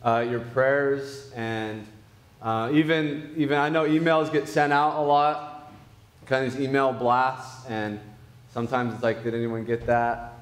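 A man's voice: mid-range voice, fairly even intonation, measured pace. A young man giving casual church announcements on a stage, hesitant and full of filler words. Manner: casual, hesitant with many uh's. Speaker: youth pastor. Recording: roomy church hall sound.

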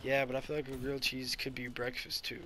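A young man commentating his own gameplay, excitable and prone to sudden yelling. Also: medium pitch, fast talker, slight background noise. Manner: excitable, bursts into yelling and shrieks. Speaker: gaming channel host. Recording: game gunfire behind the voice. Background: gunfire and game sounds.

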